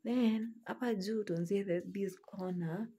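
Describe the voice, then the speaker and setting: A young Kenyan woman with a Kenyan accent, filming a casual home tour on her phone in a small flat. She chats to her viewers and often drops to soft, half-whispered asides. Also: mid-range voice, a little slow, slightly rough. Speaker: vlogger giving a house tour. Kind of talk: casual tour narration mixing Swahili and English. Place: small bedsitter flat, indoors. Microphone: phone held while filming.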